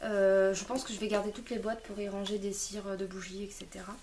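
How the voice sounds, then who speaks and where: A woman's voice: medium pitch, level tone, a little fast, darkish tone, a little hiss or hum. A young woman vlogging a casual unboxing at home, chatty and hesitant with lots of fillers, a little far from the camera. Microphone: camera mic, a little far.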